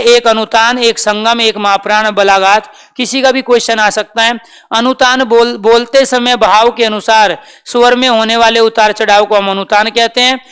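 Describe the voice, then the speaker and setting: A man's voice: high voice, a bit bright, clean tone. A man teaching an exam-prep grammar lesson, repeating key terms and quizzing his listeners with rhetorical questions. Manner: addresses listeners as dear friends.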